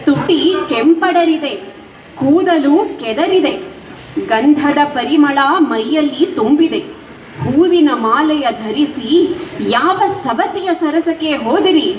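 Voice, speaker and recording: A woman singing the part of a goddess who jealously accuses her husband, in a slow, drawn-out devotional song. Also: high-pitched, lively intonation, a little hiss or hum. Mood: accusing. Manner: sung in slow, drawn-out phrases with spoken refrains. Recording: roomy, dull recording with faint music.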